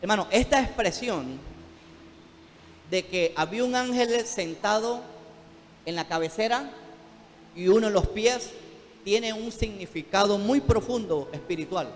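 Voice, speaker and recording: A man's voice: high-pitched, unhurried, long pauses, a little hiss or hum. A man preaching a fervent sermon as pastor in a church, calling out to the congregation. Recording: long hall reverb, faint music behind.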